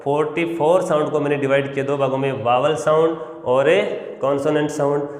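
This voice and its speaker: A man's voice: fairly high pitch, steady tone, fairly quick, a little mellow. A male teacher giving a lesson, explaining step by step and answering his own questions. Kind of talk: classroom lesson. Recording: echoey room with long reverb.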